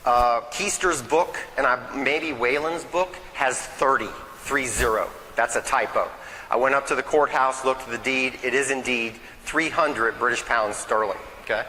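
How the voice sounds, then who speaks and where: A man's voice: medium pitch, normal speed, sharp tone, slight background noise. Nervous chatty man in a big echoey hall. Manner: nervous, chatty, keeps asking "okay?". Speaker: local history presenter. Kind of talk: live talk to a small audience. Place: meeting hall, in front of a crowd.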